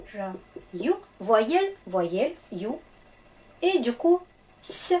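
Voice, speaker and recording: A woman's voice: on the high side, expressive, takes it slowly. A woman with a Russian accent teaching Russian grammar in French, explaining patiently and checking in often. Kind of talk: grammar lesson for French speakers.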